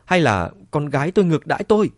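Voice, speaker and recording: A man voicing an angry older father who sneers in a low voice. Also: animated, a little fast, a little mellow, no echo, studio quality. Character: furious older father, bitter and cold.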